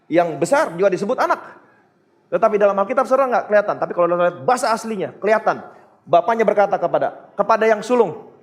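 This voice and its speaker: A male pastor preaching a sermon emphatically, repeating his points and asking the congregation questions. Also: high voice.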